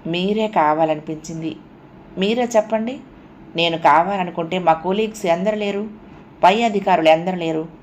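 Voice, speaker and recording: A woman voicing an adoring young woman who speaks in a soft, coaxing murmur in a storybook reading. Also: on the low side, moderate pace, highs cut off, slight background noise, natural voice. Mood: tender coaxing.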